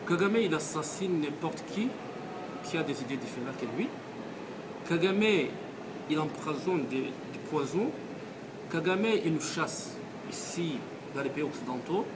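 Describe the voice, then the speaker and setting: A man's voice: fairly high pitch, lively intonation, a little slow. Passionate stammering man from Rwanda. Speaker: protester. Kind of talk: street interview. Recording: street noise behind.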